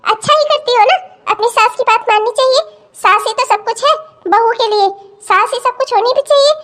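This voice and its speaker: A woman voicing a middle-aged cartoon mother-in-law who muses slowly and smugly. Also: extremely high pitch, a bit bright. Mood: approving. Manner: slow, self-satisfied musing.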